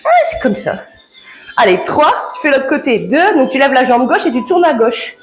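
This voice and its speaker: A woman's voice: high-pitched, animated, moderate pace. A woman coaching a home workout, chatty and encouraging, laughing often and slightly out of breath. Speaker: fitness coach. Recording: echoey room with background music.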